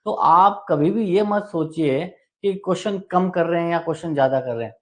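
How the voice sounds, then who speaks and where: Higher-pitched man teaching an exam class. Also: normal speed. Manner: explains, asks and answers own questions, repeats key terms; mixes English technical terms into Hindi speech. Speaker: medical exam coaching teacher. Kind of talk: live online exam-prep class.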